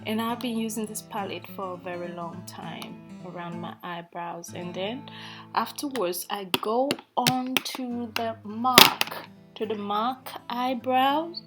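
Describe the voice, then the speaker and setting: In a casual makeup tutorial, an African woman based in Norway speaks in a mid-range voice with an African English accent touched by Norwegian. As a beauty vlogger, she is slow, hesitant and self-deprecating, using many fillers over faint background guitar.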